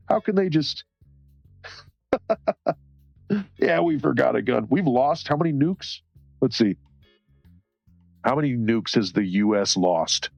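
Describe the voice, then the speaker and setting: A man's voice: medium pitch, gravelly, no echo. A man streaming while he colors, chatting casually, rambling and swearing, often laughing and reading chat aloud. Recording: slightly dull sound, faint music behind.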